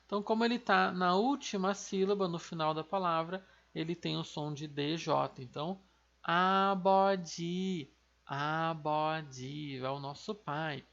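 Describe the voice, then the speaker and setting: With a gravelly, mid-range voice and a fairly bright tone, a Brazilian Portuguese-accented language teacher leads an online lesson. Each word gets repeated slowly and patiently, and tag questions are used often to check in. The audio is lo-fi.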